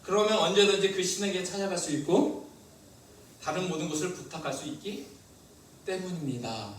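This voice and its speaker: A male pastor preaching a sermon, lively and asking the congregation questions. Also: high voice, normal speed, very echoey, distant mic, a little hiss or hum, rough recording. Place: church hall.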